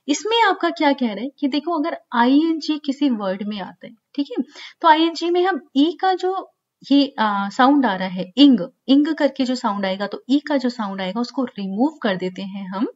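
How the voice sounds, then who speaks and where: A woman's voice: high-pitched, animated, moderate pace, lo-fi sound. A woman teaching a shorthand lesson online. She explains step by step and often repeats key points.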